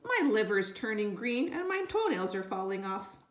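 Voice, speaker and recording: A woman voicing an excitable four-year-old boy who puts on sing-song character voices. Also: mid-range voice, moderate pace, close to an everyday voice. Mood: chirpy. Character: excitable little boy of four, playful show-off. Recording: roomy echo.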